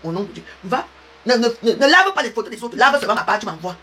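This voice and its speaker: A woman's voice: on the high side, sing-song, quick pace, bright, forceful tone. A woman, rambling and teasing in a casual live-stream rant. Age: 50s. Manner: chatty, rambling, teasing, addresses viewers directly. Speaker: social media live streamer. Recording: noisy live-stream audio.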